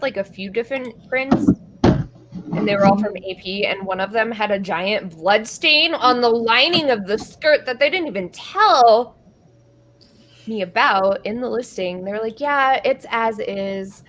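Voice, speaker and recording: A woman in casual chat with friends who softens her R's toward W, playfully defensive with girlish slang. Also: medium pitch. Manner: does not pronounce R's properly, softened like W.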